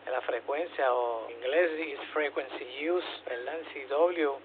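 A man's voice: medium pitch, unhurried. A man with a Puerto Rican accent running an amateur radio net, explaining informally in short phrases with frequent questioning tags, over two-way radio. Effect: two-way radio transmission. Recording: phone-like narrowband radio, hum, faint noise.

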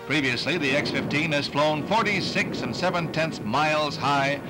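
American guy doing old 1950s newsreel narration, punchy and dramatic, loud music behind him. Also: a little high, moderate pace, low-quality recording. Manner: dramatic, punchy announcer delivery. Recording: vintage newsreel soundtrack.

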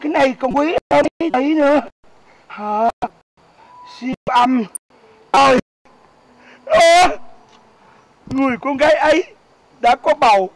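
A man's voice: extremely high pitch, unhurried, long pauses, noisy background. A man with a Southern Vietnamese accent playing a heartbroken, jilted man in a comedy sketch, wailing and sobbing melodramatically.

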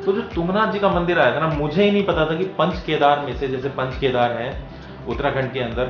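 A man's voice: a little high, steady tone, music in the background. Chatty vlogger man. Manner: chatty and explanatory, frequent drawn-out "uh" pauses. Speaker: travel vlogger. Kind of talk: casual vlog talk to camera. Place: small room at home, indoors. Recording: roomy, slightly dull sound with faint room hum.

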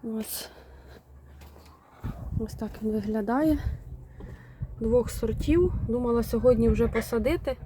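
A woman with a slightly high voice vlogs casually outdoors in her farmyard, speaking at a measured pace with long pauses. She chats to viewers and laughs as she scolds and shoos her poultry, while chickens, roosters and other fowl cluck and crow loudly around her.

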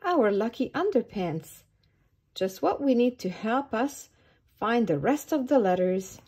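A woman reading aloud gives the lines of a cheerful band of excited little penguin children, exclaiming in a high, bouncy voice. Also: unhurried, slightly rough.

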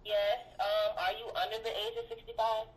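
A woman telemarketer giving a formal, scripted sales pitch over the phone, with hesitant breaks. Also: flat delivery, normal speed, breathy edge. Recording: noisy telephone line.

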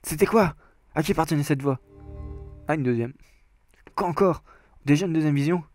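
A man reading as a young creature hero in a video game, earnest and a touch halting over the words. The voice sits a bit high, with faint music behind it. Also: darkish tone, lightly acted. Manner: earnest, hesitant reading with slips. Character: young male Pokémon hero with visions. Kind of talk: dramatic reading of game dialogue.

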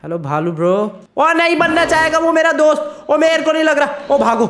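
A man giving excited gameplay commentary, exclaiming and repeating words as he plays. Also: extremely high pitch, moderate pace. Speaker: gaming YouTuber.

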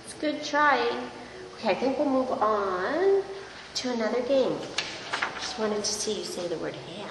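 A woman speech therapist coaching a young child, modelling words in a slow, exaggerated, encouraging way. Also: medium pitch, lively intonation. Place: indoors at a table in a hard-walled room. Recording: echoey room, clear background noise.

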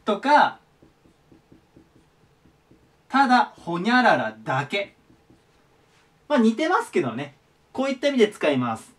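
A man giving a casual vocabulary lesson, friendly and polite, repeating each word slowly and clearly. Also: high voice, wildly swooping pitch, fairly bright tone. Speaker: English teacher. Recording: voice a bit far from the mic.

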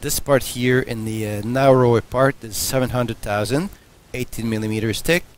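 A welding channel host with a mid-range voice and moderate pace works in his home garage, demonstrating and explaining matter-of-factly. He thinks aloud, with plenty of fillers and restarts.

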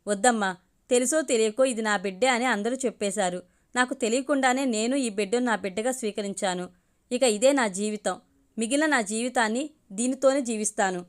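A woman's voice: on the high side, fairly quick, close to an everyday voice. A woman voicing a defiant young woman who protects an adopted baby, firm and emotional.

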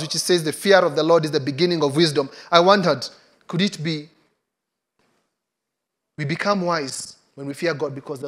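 A middle-aged pastor, a little higher-voiced than most men, preaches in a chatty, storytelling way. He leans into his scripture quotes and asides, speaking from a large church stage into a headset mic. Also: a bit bright. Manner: conversational storytelling, acts out quotes. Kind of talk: sermon.

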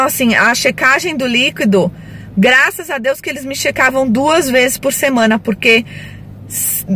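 A woman's voice: high-pitched, fairly bright tone, a little hiss or hum. A woman vlogger talking straight to her viewers in a casual, earnest way, full of little check-ins like "tá?" and "né?". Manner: earnest, warning tone, speaks directly to viewers; chatty, many fillers like "tá?" and "né?". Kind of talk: casual vlog talk to camera.

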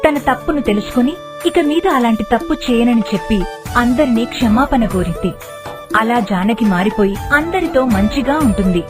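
A woman narrating an animated moral storybook in a steady, expressive way. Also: a little high, moderate pace, over music.

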